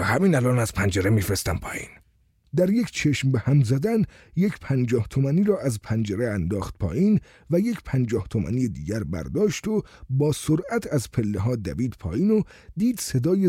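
A man reading a story aloud as narrator in a expressive reading style. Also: medium pitch, husky, no room sound, clean studio sound. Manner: expressive reading, voices the characters. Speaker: audiobook narrator.

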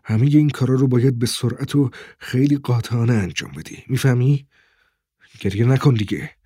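Hunted father, stern and protective, hushed urgent delivery by a male reader, husky. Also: medium pitch, no room sound, clean studio sound, lightly acted.

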